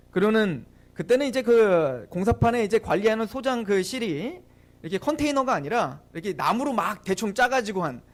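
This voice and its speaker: A male pastor giving a sermon, telling a childhood story and asking the congregation questions. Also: high-pitched. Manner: animated, addresses the congregation with questions.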